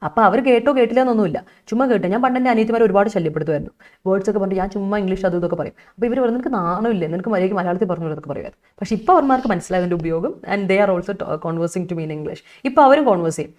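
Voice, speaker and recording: A woman's voice: medium pitch, lively intonation, rapid-fire, a little mellow. Young malayali woman teaching english online, chatty, keeps repeating stuff so students remember. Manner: chatty, coaxing, repeats key points with "kettō". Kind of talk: online exam-prep lesson.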